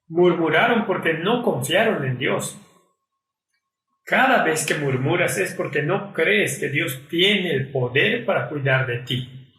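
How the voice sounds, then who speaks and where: A man's voice: fairly high pitch, a bit bright. A man preaching a sermon in an earnest tone, acting out quoted prayers and complaints. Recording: echoey hall, mic at a distance.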